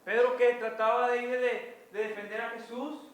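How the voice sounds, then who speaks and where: A man's voice: very high-pitched, flat delivery, normal speed. A man preaching a sermon with fervent delivery, often calling out to the congregation as brothers and sisters.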